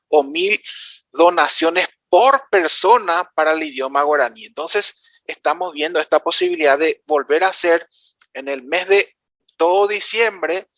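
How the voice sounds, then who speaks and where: A man's voice: fairly high pitch, bright, forceful tone, no echo. A man with a Paraguayan Spanish accent giving a conference presentation, explaining things step by step in an informal way that speaks straight to the audience. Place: conference room.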